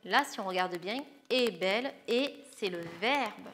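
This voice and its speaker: A woman's voice: medium pitch, unhurried, a bit bright, a little hiss or hum. A woman who teaches primary school, patiently walking young pupils through a grammar lesson step by step. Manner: patient, explains step by step, calls pupils "les loulous".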